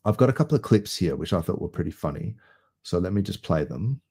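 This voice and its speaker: A man hosting a casual crypto livestream, relaxed and rambling, laughing easily. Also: low-pitched, fast talker, husky. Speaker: host.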